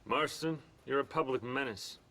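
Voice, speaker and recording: Gravelly, stern lawman. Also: medium pitch, normal speed, sharp tone. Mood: hostile, blunt. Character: stern, hostile lawman sidekick. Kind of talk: video game cutscene acting.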